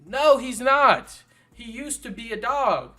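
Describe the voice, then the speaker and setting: A man's voice: very high-pitched, lively intonation, slow pace, bright, forceful tone. A man hosting his own channel, ranting about fighters in casual, sarcastic commentary full of swearing. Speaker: channel host.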